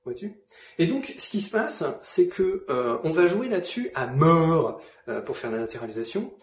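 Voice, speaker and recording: A man's voice: a little high, expressive, moderate pace, gravelly. A man casually explaining a binaural audio demo, playfully asking and answering his own questions, talking as if right beside the listener's ears. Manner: speaks as if close by the listener's ears, moving from side to side. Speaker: presenter of a binaural audio demonstration. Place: indoor room. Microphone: two small binaural electret microphones spaced like human ears. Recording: roomy binaural recording, faint background noise.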